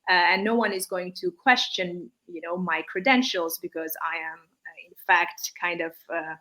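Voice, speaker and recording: An English teacher from Armenia, raised partly in Malaysia, gives conversational interview answers in English as a guest, hesitating and circling around her points. She speaks at a moderate pace in a lowish, bright, forceful voice.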